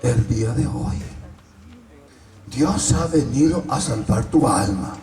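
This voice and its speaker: A man preaching a sermon with fervor, swinging from loud shouted bursts to slow, low passages. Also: lively intonation, crowd noise. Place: church hall. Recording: roomy distant church sound with congregation.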